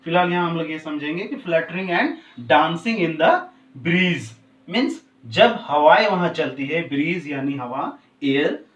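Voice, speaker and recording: A male teacher, explaining a poem to a class, who switches between slowly drawn-out English and quicker Hindi. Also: a little high, a bit bright, far from the mic, dull audio. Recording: roomy, from off the mic.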